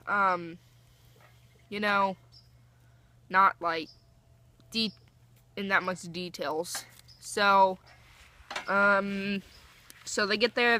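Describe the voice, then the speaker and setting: Young female vlogger, bright and keyed-up, rambling anecdote with fillers. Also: mid-range voice. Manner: rambling and anxious, lots of fillers and restarts. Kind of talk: casual storytime.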